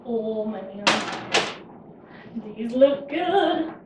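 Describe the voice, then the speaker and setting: A woman on the high side hosts a laid-back home cooking show, joking and chatting as she tastes her food and talks with her mouth full. She speaks very slowly yet animatedly, and the audio is narrow, tinny, very noisy, echoey and far-miked in her kitchen.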